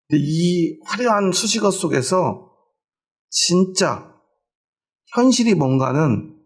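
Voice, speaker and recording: Middle-aged pastor guy preaching, kinda high voice with a gravelly edge, asks the room stuff then answers it himself. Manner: asks the congregation questions and answers them himself; tells homely everyday stories to make his point. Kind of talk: sermon. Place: church.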